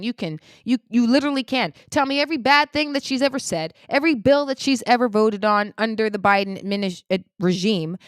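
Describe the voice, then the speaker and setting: A woman giving a heated political opinion monologue, indignant, swinging between loud outbursts and low muttering. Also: smooth, no room sound, clean studio sound. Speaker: political commentator.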